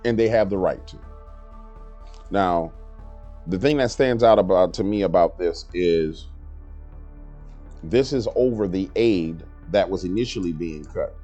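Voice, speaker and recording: A man delivers blunt, emphatic commentary in a very low, dark voice. The recording sounds slightly dull, with faint music underneath. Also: measured pace, pauses often. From New Orleans, Louisiana. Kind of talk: casual commentary.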